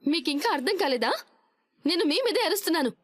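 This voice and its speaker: Defiant young daughter-in-law, very high and quick. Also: female voice, lively intonation. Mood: indignant. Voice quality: indignant, pleading. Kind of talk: TV serial acting.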